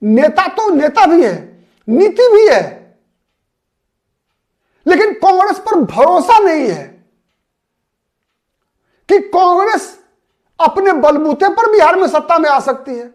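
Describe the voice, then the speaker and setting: A man's voice: very high voice, big pitch swings, slow, pauses often, darkish tone. A man delivers political commentary alone as host of his own show. He builds the case step by step and returns again and again to the same names and key terms. Every so often he stops to ask a rhetorical question, then answers it himself. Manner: analytical, poses rhetorical questions and answers them; repeats names and key words for emphasis. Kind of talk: solo political commentary to camera.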